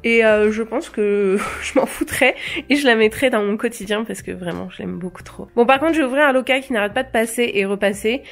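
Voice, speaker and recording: Speaking a little fast in a slightly high voice, a young fashion vlogger hesitantly describes clothes she bought in a casual haul chat to camera. Her talk is peppered with fillers and small laughs.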